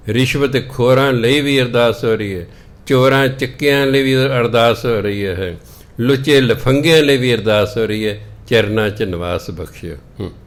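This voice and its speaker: A man giving a Sikh scripture discourse, explaining verses and slowly spelling out how words are pronounced. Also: on the low side. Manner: slow, teaching, spells out pronunciation of scripture; chants quoted verses slowly. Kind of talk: religious discourse.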